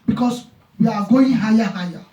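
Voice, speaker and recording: Impassioned pastor in an echoey hall. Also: male voice, sits high, moderate pace, dark tone, lo-fi sound. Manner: impassioned, repeats phrases, retells dialogue. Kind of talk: preaching a sermon. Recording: echoey church room, mic far off.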